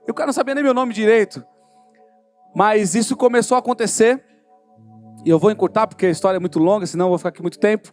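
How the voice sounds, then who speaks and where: High-voiced Brazilian preacher telling his story. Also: fast, pauses often, soft background music. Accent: Brazilian Portuguese. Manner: storytelling, acting out dialogue, growing fervent. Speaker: preacher giving his testimony. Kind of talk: sermon testimony. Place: church service in a hall.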